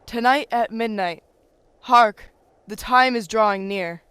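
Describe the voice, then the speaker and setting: A woman's voice: a little high, slow, fairly bright tone, clear, resonant tone, no echo. A teenage woman acting a grave, ominous spirit in a radio play, speaking formally like a prophet. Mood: solemn. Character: solemn, ominous, aging Christmas spirit.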